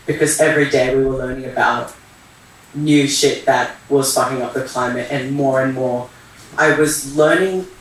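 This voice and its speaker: At a community event's open share in a theatre hall, a young man from Iran with a mid-range, fairly bright voice offers personal thoughts. He hesitates, fumbling for words with many fillers, and the distant, echoey recording has a little hiss or hum.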